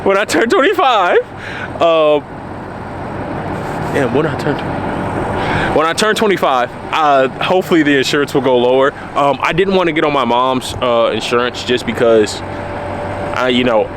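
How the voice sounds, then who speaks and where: Early-20s man, candid, laid-back car vlogger, shot outside with steady street noise. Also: medium pitch, moderate pace. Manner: candid, laid-back, repeats himself for emphasis. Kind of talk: casual talk to camera. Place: outdoors by his car in cold weather. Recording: outdoor noise behind the voice.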